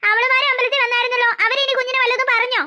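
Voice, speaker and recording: Scheming old grandmother, cartoon, gossiping, greedy, spiteful, bright edge to the voice. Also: very high-pitched, level tone, very fast, full character voice. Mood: fussing.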